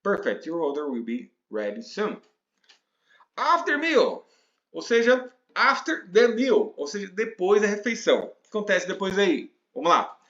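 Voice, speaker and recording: A man with a Brazilian Portuguese accent teaching English in a casual lesson, explaining patiently and reading example lines slowly. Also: sits high, very animated, a bit bright. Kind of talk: casual spoken language lesson. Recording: roomy, dull lo-fi sound.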